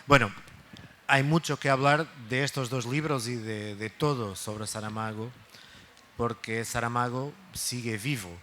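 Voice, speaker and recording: A native Portuguese speaker, a literary foundation director, gives a talk in Spanish as a guest at a book fair, his Portuguese accent clear as he hesitates and searches for words. His mid-range voice is pushed and bright, with slight background noise.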